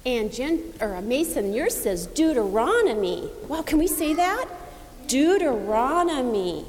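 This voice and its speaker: A woman giving a children's sermon in a sweet, patient Sunday school manner, using simple words and gently coaxing. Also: high-pitched, big pitch swings, normal speed. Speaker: children's message leader at church. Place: large echoing church indoors. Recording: reverberant church hall with background noise.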